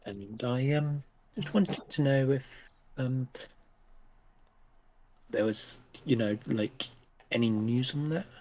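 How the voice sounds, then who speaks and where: A man's voice: mid-range voice, a little mellow, a little hiss or hum, poor audio. Hesitant man improvising in a tabletop game. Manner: halting, hesitant. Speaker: player in a tabletop role-playing game. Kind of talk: improvised in-character dialogue.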